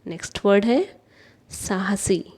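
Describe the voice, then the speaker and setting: Female teacher, unhurried repetitive word drill, mid pitch. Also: lively intonation, a little mellow. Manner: repeats each word slowly, deliberate. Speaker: English vocabulary teacher. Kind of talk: vocabulary drill.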